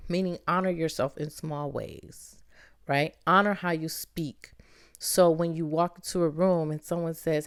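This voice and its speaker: A middle-aged woman from Barbados hosting a motivational podcast, talking in a lively, playful way and calling the listener "baby". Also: lowish voice, smooth. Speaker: podcast host.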